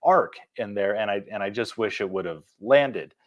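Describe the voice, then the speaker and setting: A man's voice: lively intonation, normal speed, dull audio. Laughing man co-hosting a podcast. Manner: laughing, self-mocking, jumps in pitch for quoted voices. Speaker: podcast co-host. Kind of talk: casual podcast chat.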